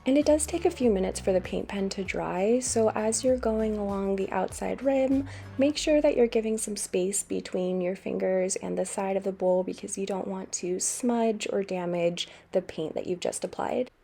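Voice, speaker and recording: Mellow-voiced American woman guiding a craft tutorial. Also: mid-range voice, moderate pace, gravelly, faint music behind. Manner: calm, step-by-step instructional. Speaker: craft channel host. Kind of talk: tutorial voice-over.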